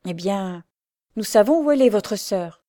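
A woman's voice: mid-range voice, expressive, moderate pace, dark tone, no echo, studio quality, natural voice. Woman reading a fervent repentant prisoner. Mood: firm. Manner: fervent, pleading. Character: repentant young woman prisoner, earnest and grateful.

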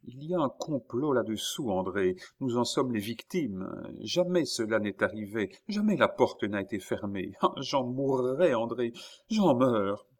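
Un homme lisant un livre audio et faisant la voix d'une reine en détresse, qui supplie avec un souffle court. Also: male voice, fairly low pitch, animated, moderate pace, hardly any pauses. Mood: désespérée. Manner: pleading, breathless despair. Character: distressed queen, a grown woman.

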